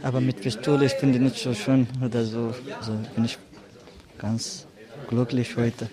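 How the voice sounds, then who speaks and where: A young male refugee talks to a reporter in simple, learner's phrasing. His voice stays flat and even. Lively crowd chatter fills the background. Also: mid-range voice, moderate pace, poor audio. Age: young adult.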